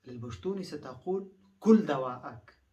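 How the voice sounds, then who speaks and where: A man's voice: on the high side, expressive, normal speed, dark tone, recorded from a distance. A man from Afghanistan whose first language is Pashto, teaching phrases in a lesson and repeating each one several times with patient explanations.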